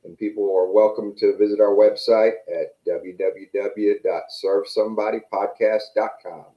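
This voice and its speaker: A lower-voiced man speaks politely and formally as a guest on a video call. His voice sounds roomy and a little dull. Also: fairly even intonation, moderate pace. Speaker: guest, podcast host. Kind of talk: guest self-introduction.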